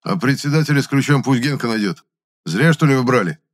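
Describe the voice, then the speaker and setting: A man voicing a brash young male squad leader who talks in sharp, mocking, commanding bursts. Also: medium pitch, animated, fairly quick, voice pushed up, lightly acted.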